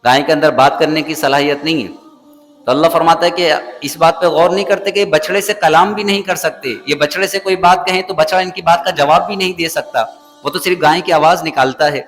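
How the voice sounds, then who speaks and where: A man from Pakistan teaching a Quran lesson in a mosque, with a slightly high voice for a man. He chants each verse in a melodic recitation, then shifts into plain explanation. His voice rings in a long hall reverb, with faint music underneath. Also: steady tone, a bit bright. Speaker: Islamic scholar teaching the Quran.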